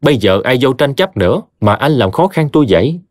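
A scheming stepmother from a spoken storybook, put on by a man, shrill and defiant. Her voice leaps up and down, sounding dry and close with soft music underneath. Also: sing-song, a little fast, dry recording, close to an everyday voice. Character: scheming shrill middle-aged stepmother, woman.

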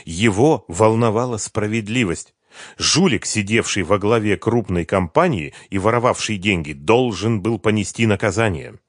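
Low-voiced male audiobook narrator. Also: normal speed, no echo, clean studio sound. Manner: even storytelling, voicing all characters. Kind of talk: scripted narration.

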